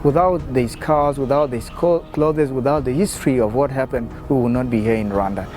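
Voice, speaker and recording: A man's voice: mid-range voice, a little fast, darkish tone. A man from South Sudan speaking emphatically in an interview. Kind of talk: interview testimony. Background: music.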